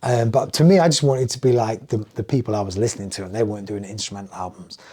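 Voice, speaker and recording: A man's voice: fairly low pitch, fast talker, husky. A middle-aged man from England with an English accent, a music producer telling stories as a podcast guest and acting out the lines of the people in them. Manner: animated storytelling, acting out quoted dialogue. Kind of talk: casual podcast conversation.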